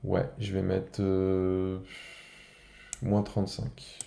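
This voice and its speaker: Slow, low-voiced man giving a tutorial. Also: monotone, gravelly, warm tone, echoey room, a little hiss or hum. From France. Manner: informal, thinks aloud step by step. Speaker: video editing tutorial presenter. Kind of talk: casual screen-recorded software tutorial, improvised.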